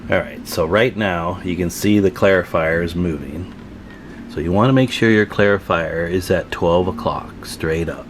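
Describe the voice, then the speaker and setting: Hosting a radio repair tutorial, this man chats informally in a folksy way as he does the work with his hands. His voice is deep and his speed is normal, with a little background noise.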